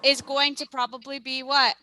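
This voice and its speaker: A woman's voice: high voice, flat delivery, moderate pace, a loud crowd. A young woman with a New York accent teaching a math lesson over a video call, chatty and upbeat, often correcting herself.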